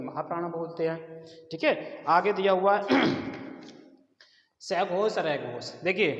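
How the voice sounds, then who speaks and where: Man teaching a lesson in an echoey hall. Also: sits high. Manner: explains patiently, repeats terms, says "देखिए" often. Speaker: Hindi grammar teacher. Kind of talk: classroom lesson. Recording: echoey hall, dull lo-fi sound.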